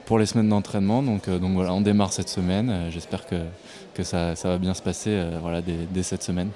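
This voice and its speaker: A man from Paris, a tennis player answering post-match interview questions in a relaxed way, with many hesitations and fillers. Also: sits low, brisk. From Paris, France.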